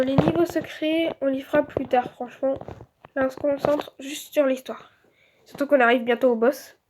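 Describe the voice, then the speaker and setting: A woman's voice: sits high, a little hiss or hum. A woman giving casual let's-play commentary, chatty and thinking aloud with lots of filler words.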